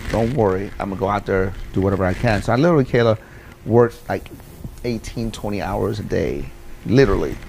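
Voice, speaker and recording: A man's voice: fairly low pitch, gravelly, darkish tone, slight background noise. A middle-aged man in an interview, telling a personal story in a rambling way with many fillers and repeats. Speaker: interview guest.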